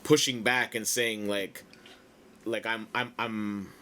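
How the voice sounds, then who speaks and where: Thoughtful bright-voiced man, lots of "like". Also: lowish voice, steady tone, takes it slowly. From United States. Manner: reflective, heavy use of "like" fillers. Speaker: podcast co-host. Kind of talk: casual chat.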